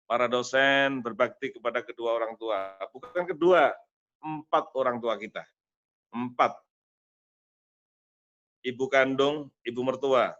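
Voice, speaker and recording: A man's voice: mid-range voice, measured pace, long pauses, a bit bright, muffled recording. A man preacher telling a moving story in a sermon, repeating phrases and pious exclamations. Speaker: Islamic preacher.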